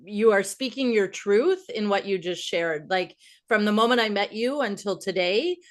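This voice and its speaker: A woman's voice: medium pitch, lively intonation, normal speed. A woman hosting a casual live-stream interview, encouraging and affirming her guest while thinking aloud. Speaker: host.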